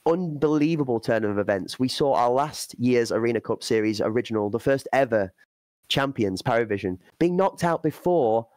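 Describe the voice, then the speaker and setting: A man's voice: medium pitch, lively intonation, normal speed, darkish tone, no echo. A man commentating an esports playoff, breaking down play and building hype for the chat. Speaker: esports caster.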